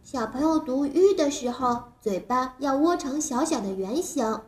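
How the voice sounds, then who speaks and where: A woman's voice: sits high, animated, unhurried. A woman voicing a cheerful, child-like little cartoon creature who teaches phonics, talking simply and encouragingly as if reading to a toddler. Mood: eager, encouraging. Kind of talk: animated lesson for small children.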